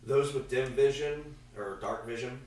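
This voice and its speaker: A man with a gravelly, congested voice, casually and haltingly narrating a tabletop game as game master. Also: medium pitch, darkish tone. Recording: echoey room, far from mic, faint noise.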